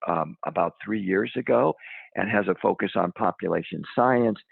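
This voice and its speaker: Deep, gravelly male research presenter phoning in; halting delivery, dry phone sound. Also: no echo. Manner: halting, with many ums and restarts. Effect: heard over the phone. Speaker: research center director presenting. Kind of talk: academic presentation. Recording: tinny phone line, dry.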